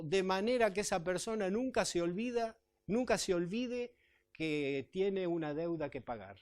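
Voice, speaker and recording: A man, a pastor preaching a sermon in church, reading scripture and explaining it in a conversational way. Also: high voice. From Chile. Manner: conversational, with tag questions to the congregation.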